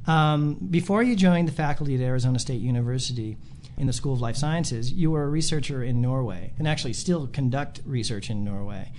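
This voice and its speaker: A man's voice: mid-range voice, brisk, darkish tone, a little hiss or hum. A man interviewing a scientist on a podcast, asking questions in a friendly, conversational way.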